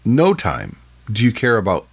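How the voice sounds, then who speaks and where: Man, podcast co-host, fairly low voice, blunt and emphatic, casual movie review talk. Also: wildly swooping pitch, normal speed, slightly rough. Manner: blunt, emphatic, short agreeing replies. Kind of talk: casual film review chat.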